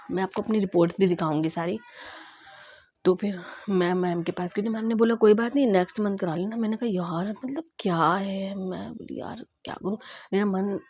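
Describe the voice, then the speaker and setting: A woman vlogger casually recounting her own experience, acting out both sides of the conversations in a lively way. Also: mid-range voice, slightly rough, lo-fi sound. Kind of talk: casual storytelling vlog.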